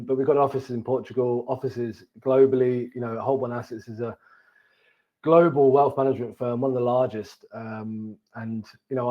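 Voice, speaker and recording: This man's voice sits in the mid-range and is a little mellow, though the audio is dull. He's a wealth manager from Cambridge, England, with a southern English accent, appearing as a guest on an online webinar call. His presentation is informal and conversational, and he now and then repeats words as he goes.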